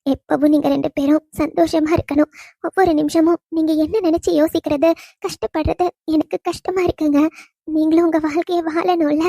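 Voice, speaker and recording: A woman's voice: sits high, steady tone, brisk, creaky, no echo, studio quality. A woman voicing a loving young wife's spirit. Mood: tender teasing. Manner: affectionate teasing, soft laughs. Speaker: dead wife visiting husband. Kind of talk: cartoon voice acting.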